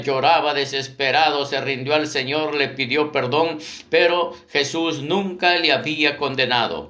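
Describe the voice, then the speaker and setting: A man from Peru delivers a fervent sermon, pressing his point home to the congregation. His voice is bright and sits a little high. The sound carries in an echoey room. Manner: fervent, retelling scripture with quoted voices. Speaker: apostle preaching.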